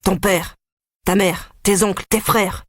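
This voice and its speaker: An audiobook reader voicing a violent, contemptuous young man in a thriller, with a husky, dry voice. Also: medium pitch, fairly even intonation, slow pace, a bit bright, no echo, voice pushed up. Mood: menacing. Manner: harsh, contemptuous. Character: violent young male brother, menacing. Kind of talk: audiobook dialogue.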